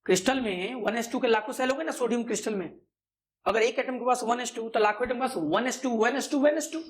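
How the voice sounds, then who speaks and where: A male physics teacher lectures in a chatty way. He asks quick questions and answers them himself. He repeats the key terms again and again. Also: very high voice. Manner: chatty asides, calls students "brother". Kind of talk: classroom-style lecture.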